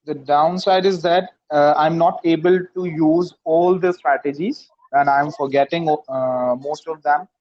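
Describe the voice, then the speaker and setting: Male English learner from Pakistan, slightly high voice, halting and filler-heavy, dull video-call sound. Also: steady tone, darkish tone. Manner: hesitant, many fillers and restarts. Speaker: student. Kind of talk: online English practice conversation.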